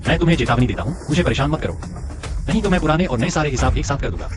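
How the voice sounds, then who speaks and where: A man's voice: on the high side, sing-song, racing. An actor playing a cocky young village man who boasts and mocks his rivals, over background music. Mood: defiant. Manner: mocking, boastful. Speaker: hero who outwits a bully. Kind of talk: dubbed short drama acting. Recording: music bed under dialogue.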